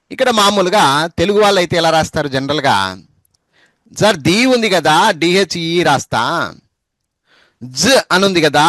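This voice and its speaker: A man's voice: fairly high pitch, fairly bright tone, no echo. A male English teacher, patiently spelling words letter by letter and repeating them for his students. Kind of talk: spoken English lesson over a group call.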